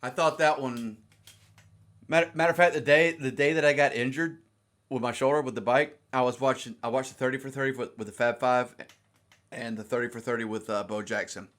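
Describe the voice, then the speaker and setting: A southern man with a Southern US accent, easygoing and rambling as he talks sports on a casual podcast. He often stumbles and repeats the first words of a sentence before getting going. His pitch sits in a middling register. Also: fairly even intonation, a little fast, fairly bright tone. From South Carolina, US. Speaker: podcast co-host. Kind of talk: casual chat.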